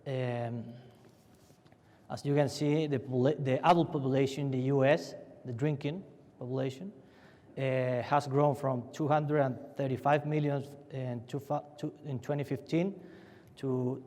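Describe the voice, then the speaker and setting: A young Chilean man with a Chilean Spanish accent sits on a winery panel at a conference fireside chat, talking loosely with plenty of fillers and restarts. His mid-range voice is darkish, fairly even in intonation and moderately paced, carried by long hall reverb in a large conference hall.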